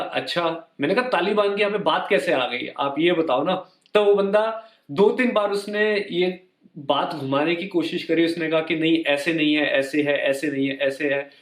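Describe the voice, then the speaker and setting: A young Indian vlogger tells personal stories to camera in a casual, conversational way, slipping English words in and acting out what the people in them said. His voice is a little high, and the room is echoey.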